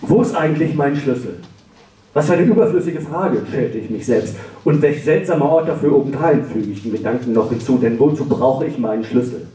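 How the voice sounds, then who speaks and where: A man reading his own darkly comic first-person stories at a live event, dry and sarcastic, often breaking into shrill mock-furious rants. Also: expressive, fairly quick, few pauses, dark tone. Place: library event hall. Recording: roomy hall, voice far from the mic.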